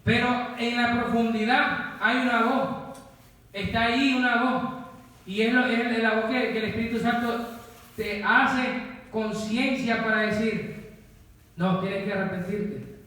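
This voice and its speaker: A man preaches a sermon with a very high, bright and forceful voice, repeating his phrases for emphasis and calling out to the congregation. His voice rings through a church hall with a long, roomy reverb. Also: fairly even intonation, a little slow.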